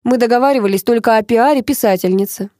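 A woman's voice: a little high, quick pace, dark tone, no echo, clean studio sound, voice pushed up, natural voice. A woman reading an audiobook and voicing a brusque, impatient male director who barks orders at his crew.

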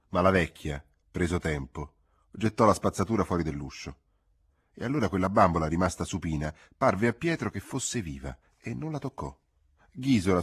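A man with a low, husky voice reads a classic novel aloud as an audiobook narrator. His delivery is measured and expressive, shaping each sentence with careful literary storytelling.

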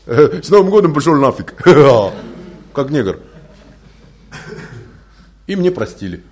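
Speaking slowly in a slightly high voice, a non-native Russian speaker gives a spiritual lecture that was recorded as a religious talk. He tells stories vividly and keeps posing rhetorical questions.

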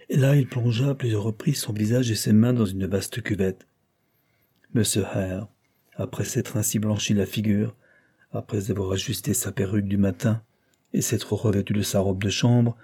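A man narrating a novel aloud in a measured, steady way. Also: fairly low pitch, husky. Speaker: audiobook narrator.

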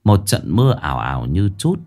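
A man tells a ghost story in a low, animated voice. Faint music plays beneath his expressive narration. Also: a little fast.

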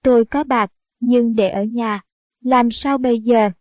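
Gentle earnest young noblewoman, read by a woman, storybook tale, fairly high mellow voice. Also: fairly even intonation, unhurried, no room sound, natural voice. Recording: dull, dry audiobook recording.

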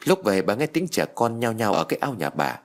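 A man reads a village story aloud as an audiobook. His voice sits on the low side and rises and falls with lively expression. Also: fairly quick.

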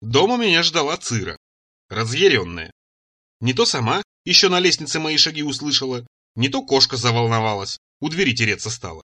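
A man narrating a first-person audiobook in an expressive, ironic manner. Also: medium pitch, a little fast. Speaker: audiobook reader.

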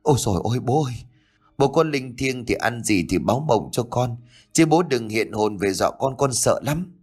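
A man's voice: medium pitch, expressive, normal speed, a little mellow, slightly rough. A man voicing a timid, easily frightened young son who stammers out his fears in an audiobook ghost story. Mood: terrified. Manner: stammering and fearful.

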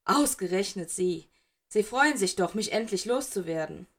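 A woman voicing a defiant, bitter teenage boy who mocks in a shrill, raised voice. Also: expressive, moderate pace. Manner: sneering, shrill and mocking.

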